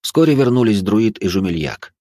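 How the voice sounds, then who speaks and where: A man narrating a first-person fantasy audiobook in a measured, even manner. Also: lowish voice, dry recording, clean studio sound.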